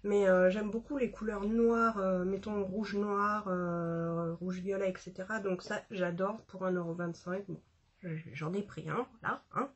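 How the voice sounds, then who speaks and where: A woman's voice: medium pitch, steady tone, measured pace, slightly rough. A woman chatting casually about a makeup haul, with many fillers and restarts. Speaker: beauty vlogger.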